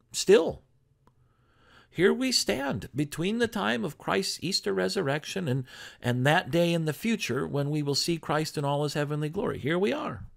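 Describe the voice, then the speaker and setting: A man's voice: fairly high pitch, gravelly. A man pastor giving a sermon in a conversational preaching style, full of rhetorical questions.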